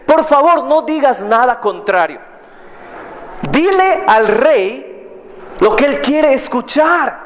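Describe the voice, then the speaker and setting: A man's voice: very high voice, animated, slow, long pauses, big-room sound, slight background noise, pitched above the performer's own voice, exaggerated voice. A man voicing an eager messenger who coaxes and pleads persuasively. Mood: coaxing. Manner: coaxing, persuasive.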